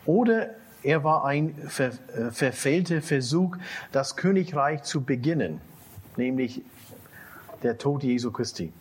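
A man interpreting a lecture consecutively, halting often and repeating key phrases. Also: medium pitch, animated, husky.

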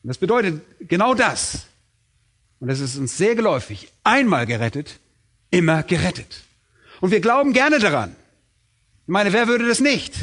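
A man's voice: sits high, big pitch swings, moderate pace, long pauses, a bit bright. A middle-aged man preaching a sermon, emphatic, asking questions and answering them himself. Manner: emphatic, asks and answers his own questions.

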